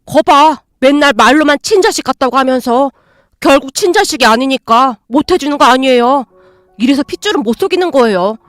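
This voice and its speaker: A woman's voice: high voice, expressive, brisk, no echo, clean studio sound. Woman voicing a pushy, combative grown son. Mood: demanding. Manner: whiny, combative, raises voice. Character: pushy young adult son demanding property.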